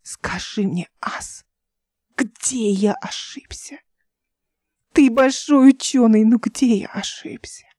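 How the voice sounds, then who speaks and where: Lady doing a creepy sneering overlord guy, hissy half-whisper, soft dark voice. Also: fairly high pitch, slow pace, no room sound, studio quality. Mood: sinister. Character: scheming male overlord, mocking and menacing.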